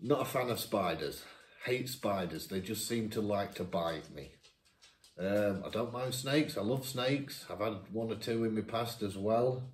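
A chatty YouTuber from Lincolnshire, England sits at his dining table at home, reading each viewer question aloud before answering casually and laughing at himself. His fairly low voice moves a little slowly. The camera faces him from across the table in an echoey room.

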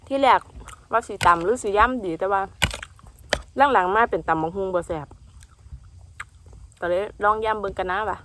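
A woman's voice: mid-range voice, normal speed, pauses often, a little hiss or hum. A young woman talks with an easy, chatty Isan Thai accent, drifting between Central Thai and local words as she eats. She is recording outdoors in the countryside, with faint insect sounds in the background. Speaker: food vlogger. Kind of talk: casual eating vlog chat.

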